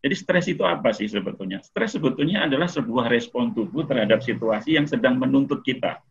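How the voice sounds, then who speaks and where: A middle-aged man gives a casual webinar lecture in a husky voice of middling pitch. He talks conversationally, with frequent filler "eh"s and small chuckles. The video-call audio sounds muffled and lo-fi. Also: lively intonation, brisk. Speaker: webinar speaker on mental health. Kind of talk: casual lecture to an online audience.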